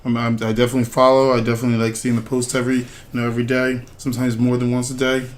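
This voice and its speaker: A man with a raspy voice at an ordinary middle pitch chats casually as a podcast co-host. He agrees readily and doubles up words for emphasis. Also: completely flat delivery, racing, slight background noise. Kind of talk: casual chat.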